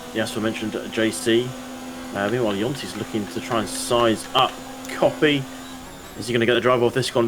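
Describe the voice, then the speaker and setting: Guy commentating a sim race, voice jumps up on close calls, noisy home mic. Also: mid-range voice. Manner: excitable, voice jumps up during close battles. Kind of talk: live sim racing commentary.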